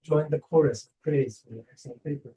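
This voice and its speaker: A man's voice: fairly high pitch, fast talker, warm tone. A man asking a long question from the audience at an academic seminar, rambling and correcting himself. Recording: roomy audio from far off the mic.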